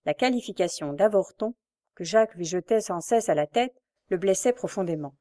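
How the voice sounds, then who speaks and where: Female narrator, measured dramatic audiobook reading of a classic novel. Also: medium pitch, lively intonation, warm tone.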